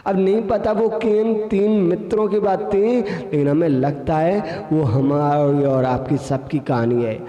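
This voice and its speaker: A man, a Jain monk, gives a storytelling sermon and acts out the voices in his tale. His voice sits a little high, with a mellow, dark tone. He is heard in a large hall with a long, roomy reverb. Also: unhurried, few pauses. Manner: animated storyteller acting out quoted voices.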